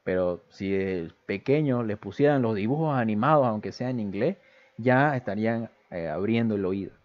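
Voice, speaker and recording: A man gives a relaxed live lesson in aviation English. He chats with viewers and breaks off to read English phrases aloud. His voice is fairly low, and the stream audio sounds dull and lo-fi. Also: normal speed. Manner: chatty, greets viewers, switches between explanation and reading English phrases. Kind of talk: casual livestream lesson.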